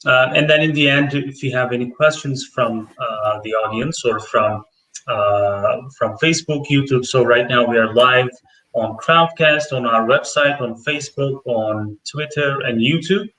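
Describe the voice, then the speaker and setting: A man's voice: mid-range voice, measured pace, pushed and bright. A man hosting a live webinar as program manager, friendly and hesitant, with many fillers. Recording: roomy distant webinar audio.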